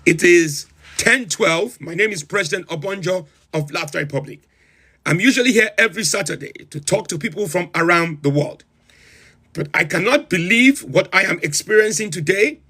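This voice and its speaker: A man voices the pompous president of a made-up comic republic while hosting a livestream, reeling off lists in theatrical disbelief, each item more emphatic. His full character voice is high, animated, bright, and forceful with a breathy edge, at a moderate pace.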